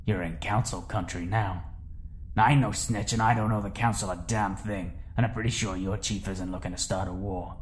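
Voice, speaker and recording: A man voicing a gruff, grumpy male spaceship captain who talks in a slangy drawl. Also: deep voice, fairly even intonation, normal speed, a little hiss or hum, lightly acted.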